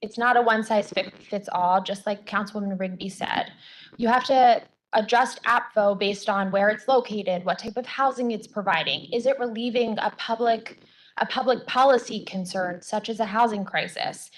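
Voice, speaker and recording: A woman attorney giving public hearing testimony with a voice that is going hoarse, speaking earnestly with frequent ums and restarts. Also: medium pitch, moderate pace, slight background noise, low-quality recording.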